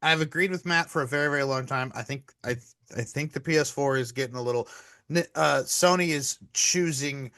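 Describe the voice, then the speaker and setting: A man in his thirties chats casually on a gaming podcast, animated and quick to swear. He gets carried away and laughs a lot. The sound is dry and close, with no room echo. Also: medium pitch. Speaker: podcast co-host. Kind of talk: casual chat.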